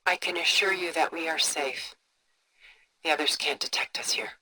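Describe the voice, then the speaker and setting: An actress playing a cultured, composed older woman who collects art, with a refined, measured, contemplative delivery for a video game. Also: low-pitched, slight background noise. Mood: calm, reassuring. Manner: refined, measured, contemplative, soft breathy phrase endings. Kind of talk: video game character dialogue, museum-guide storytelling.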